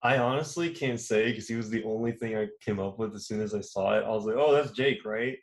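A man's voice: fairly low pitch, fairly even intonation, fast talker. A man co-hosting a podcast, talking casually in long rambling turns with many fillers and restarts. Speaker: podcast co-host. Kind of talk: casual chat.

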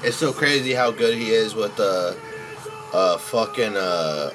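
A man's voice: lowish voice, unhurried, music in the background, rough recording. A man giving informal, slangy, enthusiastic commentary on a fight video as a fan, swearing freely. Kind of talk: casual reaction commentary with heavy swearing and slang.

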